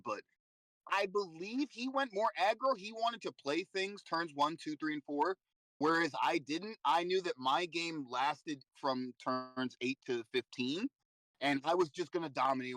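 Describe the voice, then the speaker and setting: Lively bright-voiced man telling a story. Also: on the high side, dry recording, low-quality recording. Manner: animated storyteller, acts out his own thoughts, swears freely. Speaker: competitive card game player. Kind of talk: casual tournament recap.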